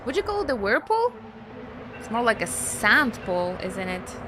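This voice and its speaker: Over game music, a young streamer from Poland plays through a video game live and talks to viewers, thinking aloud about the story and characters. She speaks with a Polish accent at normal speed, in a fairly high, very animated voice.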